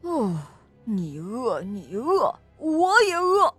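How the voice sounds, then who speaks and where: A woman's voice: on the high side, very animated, drawn-out words, a bit bright, breathy edge, faint music behind, exaggerated voice. A woman playing a stammering greedy fox dad. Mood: resigned. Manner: stammering, grumbling. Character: greedy, flustered male fox. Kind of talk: storybook reading.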